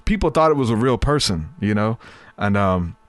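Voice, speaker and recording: This man, also in his thirties, hosts a podcast with a voice on the low side and lively intonation, moving at a moderate pace on a dry recording. His talk is loose and rambling, full of fillers and repeated words, and long stretches of speaking have left his voice tired.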